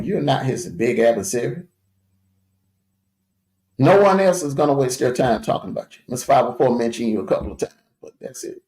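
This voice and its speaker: A man's voice: mid-range voice, a little mellow. A man hosting a livestream, giving a taunting, jeering commentary rant with scornful laughs. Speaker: livestream host. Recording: echoey room.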